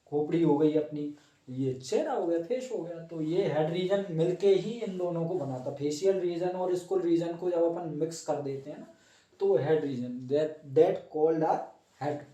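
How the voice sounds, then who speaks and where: A man's voice: a little high, a little slow, dark tone, recorded from a distance. A young man teaching a class informally, joking and teasing himself and his students as he draws. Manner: playful, self-mocking, chatty. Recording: echoey room, voice from off-mic.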